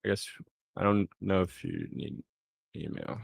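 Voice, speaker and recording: A man casually walking through a software demo on a live screen share, thinking aloud as he clicks and punctuating steps with "boom". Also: measured pace, creaky, no room sound, studio quality.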